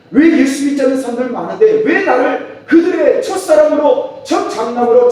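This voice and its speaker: Male pastor, fervent sermon, high mellow voice, distant mic in a very echoey hall. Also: a little hiss or hum. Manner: fervent, rising to impassioned pleading. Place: church sanctuary. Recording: echoey church hall from far off.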